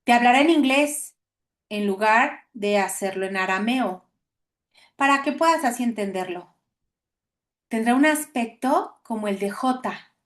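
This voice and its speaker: A woman reading the lines of a calm spiritual teacher, measured and explanatory. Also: on the high side.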